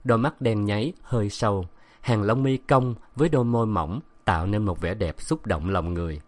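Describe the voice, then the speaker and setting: A man reads a novel aloud in a steady, measured storytelling manner. His voice sits somewhat low. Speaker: audiobook narrator. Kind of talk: scripted novel narration.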